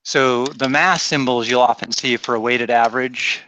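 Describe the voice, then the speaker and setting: At a moderate pace and with fairly even intonation, a mid-range, pushed, bright-sounding man teaches a math class, chatty and teasing as he thinks aloud. He's from Rhode Island, USA, with a faint accent that's mostly softened, and the lecture recording carries a little hiss or hum.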